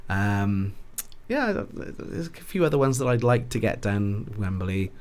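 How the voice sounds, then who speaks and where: A man's voice: on the low side, sing-song, a little slow, darkish tone. A man with a South Wales Valleys accent chatting casually in an interview, rambling and correcting himself as he goes. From Ebbw Vale, South Wales. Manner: hesitant, rambling, self-correcting. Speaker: boxing ring announcer, podcast guest.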